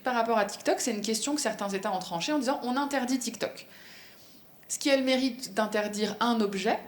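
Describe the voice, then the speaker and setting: A woman's voice: fairly high pitch, fast talker. A woman giving a conference talk and answering questions, explaining at length with frequent hesitations and fillers. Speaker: speaker at a professional conference. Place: conference room. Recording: echoey conference room.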